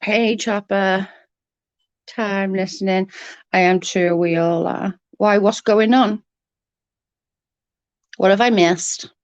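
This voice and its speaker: Speaking slowly in a steady, mid-range voice and pausing often, a woman chats casually with her livestream viewers and greets them by name. Her voice is blocked-up and snotty, she's coughing, and it's starting to go, though the tone is clean. The recording is muffled, with no room sound.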